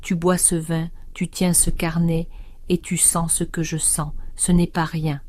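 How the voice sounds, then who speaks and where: A woman voicing a calm 65-year-old aunt. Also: fairly low pitch, lightly acted. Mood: calm intimate. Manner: calm, measured, intimate.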